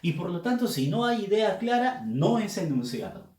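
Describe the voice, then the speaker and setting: A male teacher explaining a lesson slowly and deliberately, stressing the key words. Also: high voice, sing-song, a little mellow. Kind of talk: recorded grammar lesson. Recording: roomy echo.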